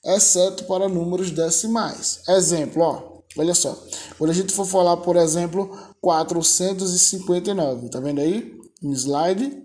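A man with a fairly high, darkish voice teaches an online English lesson, patiently drilling numbers through repetition and frequently checking in with tag questions.

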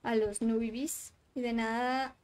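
A woman streaming a game, chatting casually with her viewers and getting excitable as she plays. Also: a little high, measured pace. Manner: excitable, shrieks and laughs while playing, chats with viewers. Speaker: livestreaming gamer. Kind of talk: casual gaming livestream chat.

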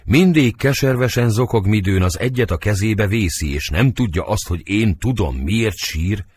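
A man voicing a gentle, earnest nobleman in an audiobook reading of a play. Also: lowish voice, expressive, a little hiss or hum, natural voice.

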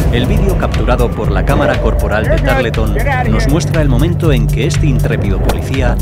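A man reading scripted countdown narration in dramatic, florid language. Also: mid-range voice. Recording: voice-over under loud music.

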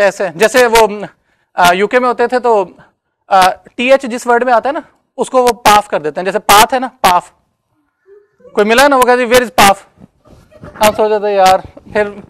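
A man's voice: high-pitched, brisk, a bit bright, clean tone, no echo. A man giving a classroom lecture, talking conversationally and often checking whether students follow.

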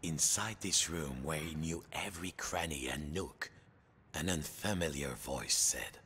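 An actor narrating a video game like a storybook, theatrical and playful. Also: male voice, a bass voice, measured pace, pushed and bright, a little hiss or hum, full character voice. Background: game music.

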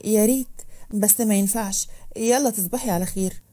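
A woman's voice: medium pitch, a little fast, warm tone, natural voice. A woman voicing an affectionate young man with an Egyptian Arabic accent, talking easily and tenderly.

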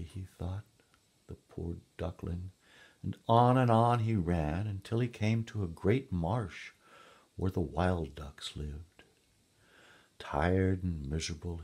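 A man reading a fairy tale aloud in a gentle, measured storybook style. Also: sits low, slightly rough.

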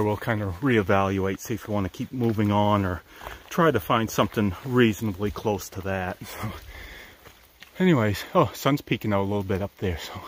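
Poor audio with slight background noise captures a lowish male voice from a handheld camera at arm's length. It's an older thru-hiker making a casual vlog on a wet mountain climb, speaking in a relaxed, wry manner and chuckling to himself.

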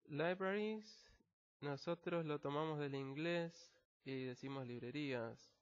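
A Latin American man teaching an English lesson over slides, explaining slowly, repeating words and restarting phrases. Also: mid-range voice, clear, resonant tone. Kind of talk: recorded online lesson. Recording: dull lo-fi recording.

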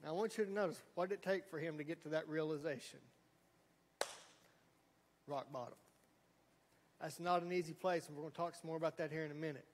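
A man's voice: a little high, a little fast, long pauses. A middle-aged man preaching a sermon, telling folksy stories and acting out quotes. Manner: folksy storytelling with acted quotes. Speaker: pastor. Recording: long hall reverb.

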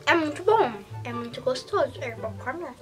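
A woman's voice: high-pitched, lively intonation, moderate pace. A young woman vlogging a taste test, chatting to viewers with her mouth full of chocolate. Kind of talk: casual taste-test vlog. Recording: music playing behind.

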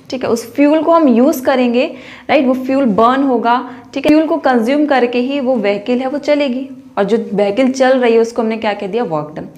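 A young Indian woman teaching a physics lesson in a mix of Hindi and English, asking and answering her own questions as she explains. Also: fairly high pitch. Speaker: science teacher. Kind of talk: classroom lecture mixing Hindi and English.

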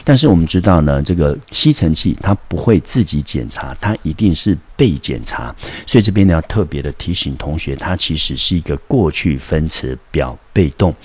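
A man teaching English vocabulary and grammar in a recorded lesson, explaining slowly and carefully with frequent rhetorical questions, in Taiwanese Mandarin. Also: very deep voice, expressive, a little mellow, husky, no room sound. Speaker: high school English teacher.

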